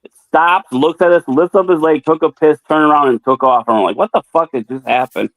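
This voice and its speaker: A man's voice: fairly high pitch, a little fast, a bit bright, dry recording, rough recording. A man in casual chat, telling blunt, profane anecdotes.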